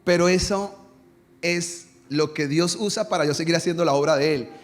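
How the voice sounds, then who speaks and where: Male pastor, sermon delivery, rhetorical questions, hushed low prayers, slightly high voice, reverberant hall. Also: normal speed. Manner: preaches with rhetorical questions, dropping low and quiet on quoted prayers. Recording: long reverb in a church hall.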